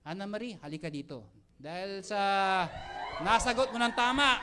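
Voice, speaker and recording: A young man giving a lively motivational talk to a live audience, joking and quizzing the crowd as he mixes Tagalog and English. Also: high voice, moderate pace, background noise. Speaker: mentor speaking to network marketing team.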